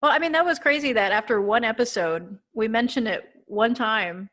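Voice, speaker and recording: A woman's voice: fairly high pitch, moderate pace, fairly bright tone. Chatty giggling woman podcast host. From Texas. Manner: giggly, chatty, many fillers. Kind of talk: casual podcast chat.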